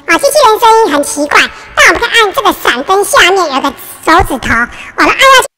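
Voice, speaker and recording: A man's voice: very high-pitched, big pitch swings, fast, over music, pitched above the performer's own voice. A man demonstrating a karaoke machine, talking step by step through its robot voice changer effect. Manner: explaining step by step while pressing buttons. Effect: rusty robot voice changer. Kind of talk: product demonstration. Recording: long hall reverb.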